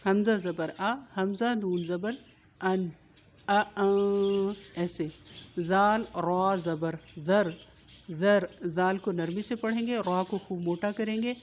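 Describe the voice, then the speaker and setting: Woman, reading teacher, syllable-by-syllable recitation, slow modeled words, quick explanations, faint background noise with birdsong. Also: medium pitch, steady tone. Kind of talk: spelling-out recitation lesson.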